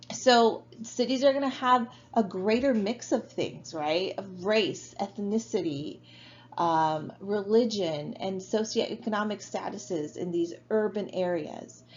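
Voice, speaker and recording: A woman's voice: medium pitch, lo-fi sound. A woman teaching a college geography class in a recorded online lecture, talking casually with many fillers and tag questions. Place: home.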